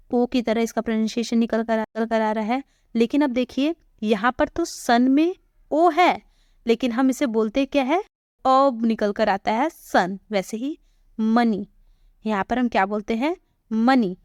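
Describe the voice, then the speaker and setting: A woman with a fairly high voice gives a pronunciation lesson, close to the mic in a dry, dead room. She talks patiently and says each example word slowly, more than once, then asks a question and answers it herself. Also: a little mellow, dry recording. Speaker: English teacher. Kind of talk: spoken English pronunciation lesson.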